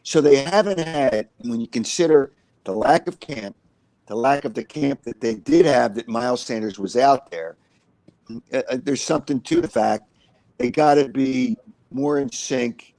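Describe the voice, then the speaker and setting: A sports co-host talks through football analysis in a casual chat, rambling and repeating himself with frequent uhs. His medium-pitched voice is a little mellow and measured in pace, and the audio is poor but has no echo.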